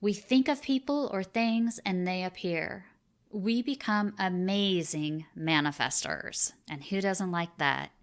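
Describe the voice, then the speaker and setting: A woman presenting a spiritual self-help lesson in a deliberate, earnest manner, stressing key phrases as a teacher would. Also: mid-range voice.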